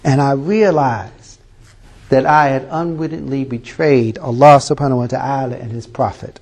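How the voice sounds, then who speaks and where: A man voicing a hushed, guilt-stricken man. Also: medium pitch, steady tone, moderate pace, voice pushed down, lightly acted. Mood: remorseful.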